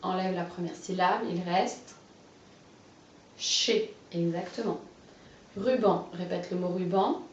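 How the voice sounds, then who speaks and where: A woman guiding a child through a phonology lesson, giving clearly pronounced words one at a time and encouraging replies. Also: fairly low pitch, steady tone, distant mic, slight background noise. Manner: slow, carefully articulated, encouraging. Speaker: teacher of a phonology exercise. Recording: dull, roomy, off-mic sound.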